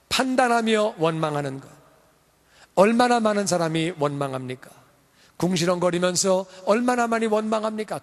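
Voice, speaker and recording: Animated male preacher in a reverberant hall. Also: sits high. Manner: animated, shifts between loud emphasis and quiet asides. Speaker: pastor. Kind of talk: sermon. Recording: long reverb of a church hall.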